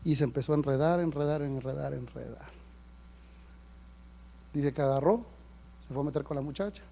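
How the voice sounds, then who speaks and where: Preacher guy, kinda high pitched, goes quiet then booms, storytelling sermon. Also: moderate pace, creaky. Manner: animated storytelling, swinging between hushed and loud. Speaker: pastor. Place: church service.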